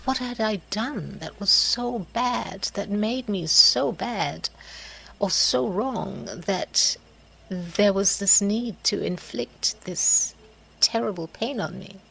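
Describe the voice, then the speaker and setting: Woman, middle-aged, slow halting reflection, gravelly voice, soft sighs and laughs. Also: mid-range voice, lively intonation, low-quality recording. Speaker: host of a reflective video series.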